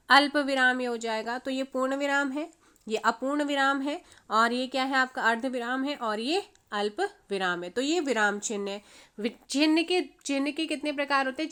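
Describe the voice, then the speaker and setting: Bright-voiced woman teaching grammar. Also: high-pitched. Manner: repeats her own questions and answers them, quizzing viewers; mixes English words into her speech. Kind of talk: exam-prep grammar lesson.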